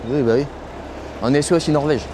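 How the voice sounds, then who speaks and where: A man's voice: a little high, normal speed. A young man from France vlogs on his phone at a cold, windy truck stop. He talks in loose, slangy French-style banter straight to his viewers. Faint traffic and outdoor noise run underneath. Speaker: truck driver vlogger. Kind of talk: casual vlog chat.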